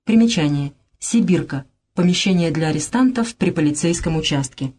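A woman reading the stage directions of a play aloud in a plain, even manner. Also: fairly low pitch, normal speed, breathy edge.

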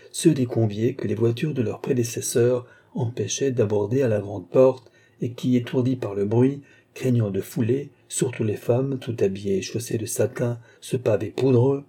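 A man narrating a classic novel aloud in a steady, even way. His voice is very dark and mellow, with a husky grain throughout. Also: mid-range voice. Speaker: audiobook narrator.

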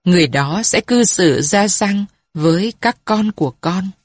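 A woman voicing a grieving old grandmother who speaks softly and pleadingly to her dead daughter, in a storybook reading. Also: mid-range voice, animated, unhurried, no echo, studio quality. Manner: soft, mournful, pleading address.

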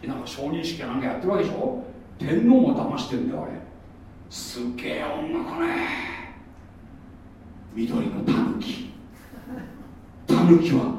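Lively chatty pastor in an echoey hall. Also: male voice, mid-range voice, a little hiss or hum. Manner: chatty, mocking asides, lively storytelling. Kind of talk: sermon. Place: church hall. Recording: echoey room from far off.

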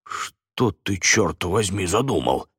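A man voicing a brash, rude landlord on crutches who yells and pleads in a shrill voice. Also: very animated, takes it slowly, slightly rough, no room sound, clean studio sound, exaggerated voice. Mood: shrill, panicky.

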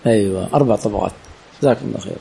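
Here a sheikh speaks very fast in a fairly low, creaky, dark voice. He teaches hadith chain studies in a classroom lesson with Q&A at a religious teaching center, regularly quizzing students with rhetorical questions and repeating key words.

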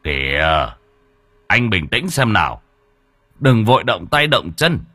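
A man voicing a kindly, calm elderly father who speaks in an unhurried, soothing and gently chiding way. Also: on the low side, no room sound, studio quality, exaggerated voice.

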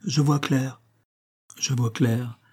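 A man's voice: mid-range voice, fairly even intonation, takes it slowly, a little mellow, husky. A man voicing a proud, ironic young woman. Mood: mocking. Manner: mocking, knowing.

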